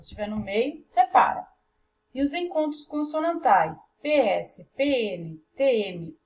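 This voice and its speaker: A woman with a Brazilian Portuguese accent, teaching a class through a workbook, step by step and often checking in with her students. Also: fairly high pitch. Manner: patient, explains step by step, checks in with "tá?".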